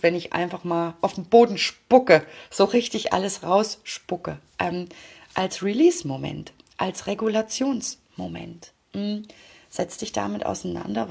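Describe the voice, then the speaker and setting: A woman giving calm spoken guidance on a card, often dropping to a soft near-whisper. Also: medium pitch. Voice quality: husky and gravelly. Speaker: card reading guide.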